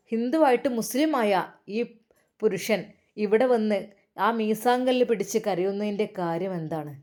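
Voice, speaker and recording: A woman's voice: medium pitch, a little mellow. A woman storyteller narrating a religious tale, then chatting earnestly to her listeners.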